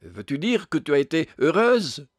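A man's voice: fairly high pitch, big pitch swings, normal speed, no room sound, studio quality, pitched above the performer's own voice. A man voicing a small, grudging male dwarf ghost who speaks in an aggrieved, complaining way. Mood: wondering.

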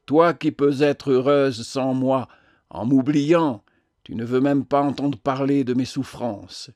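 A man's voice: mid-range voice, fairly even intonation, takes it slowly, a little mellow, dry recording, lightly acted. A man voicing a theatrical, self-pitying man, with declamatory, sarcastic delivery.

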